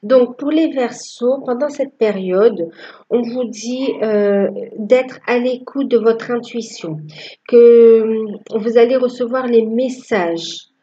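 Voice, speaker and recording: A woman giving a tarot reading to her viewers, with a halting delivery that repeats phrases. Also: on the high side, mellow, muffled recording. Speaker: tarot reader.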